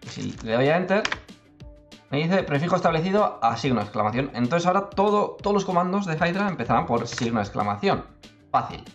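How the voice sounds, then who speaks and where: Man, casual tutorial talk, chatty, frequent check-ins, soft music underneath. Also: on the high side, very animated, fairly quick. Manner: chatty, self-interrupting, many "¿vale?". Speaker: tutorial youtuber. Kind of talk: casual screen-recorded tutorial.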